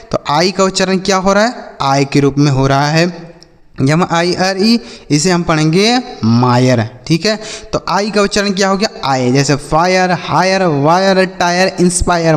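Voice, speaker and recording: A man teaching English reading in a classroom style, asking his students questions and drilling each word slowly. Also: high voice, big-room sound. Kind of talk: classroom-style phonics lesson.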